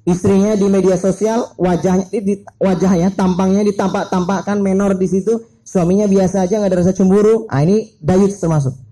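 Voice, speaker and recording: A middle-aged man preaching a lively, humorous sermon, making playful joking asides to his audience. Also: sits high, brisk, poor audio. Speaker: Islamic preacher.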